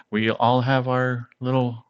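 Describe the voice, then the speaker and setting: A man streaming live and chatting casually with viewers, laughing often and greeting them by name in a relaxed, meandering way. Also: mid-range voice, clean tone. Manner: relaxed, meandering, with fillers and pauses. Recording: dull lo-fi stream audio.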